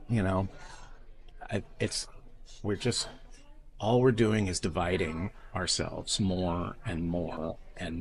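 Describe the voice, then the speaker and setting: A middle-aged man from Iowa, a drag performer speaking openly and earnestly in an interview, sometimes halting and restarting. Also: lowish voice. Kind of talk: candid interview talk.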